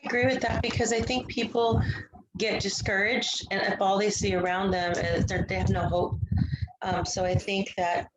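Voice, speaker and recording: A woman's voice: mid-range voice, little pitch movement, moderate pace. A woman taking part as a student in a class discussion, speaking earnestly with fillers. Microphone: video call. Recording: echoey room, clear background noise.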